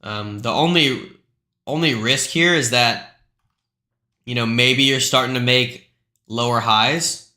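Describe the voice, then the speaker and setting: A man's voice: mid-range voice, takes it slowly, pauses often, sharp tone, echoey room. A man hosting a live stream, talking through price charts in a loose, chatty way with lots of asides. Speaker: crypto live stream host.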